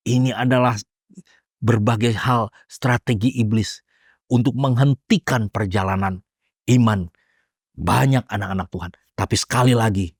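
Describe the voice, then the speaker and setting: A man's voice: on the low side, no echo, studio quality. A man, a pastor preaching a sermon, rising into emphatic bursts.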